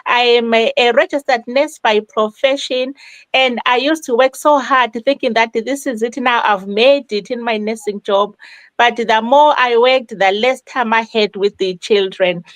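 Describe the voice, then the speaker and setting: A woman's voice: a little high, a little slow, no echo. A woman from Zimbabwe, hosting a live online panel in a welcoming way and repeating phrases for emphasis. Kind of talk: live motivational panel talk.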